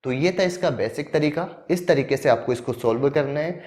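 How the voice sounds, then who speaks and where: A man's voice: on the high side, moderate pace, darkish tone. Man explaining maths problems step by step. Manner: explains step by step, asks questions then answers them. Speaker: maths teacher. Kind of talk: exam-prep maths lesson.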